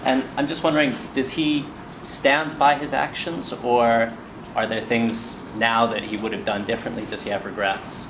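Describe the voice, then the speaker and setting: A man's voice: medium pitch, fairly even intonation, moderate pace. A man speaking as a newspaper reporter, putting a question at a press conference. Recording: clear background hum and room noise.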